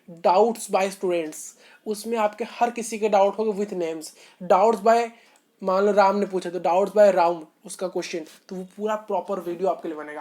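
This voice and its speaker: A man talking to camera as an online tutor, coaching school students on how to study. His delivery is earnest and repetitive, informal rather than polished, with loud stressed points and softer asides. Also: high-pitched. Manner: earnest and repetitive, often saying "bhai sahab". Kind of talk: motivational study-advice talk to camera.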